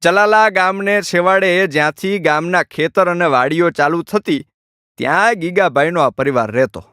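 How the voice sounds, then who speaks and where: A man narrating an audiobook in an expressive, dramatic storytelling manner. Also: high-pitched, moderate pace, clean tone, no room sound.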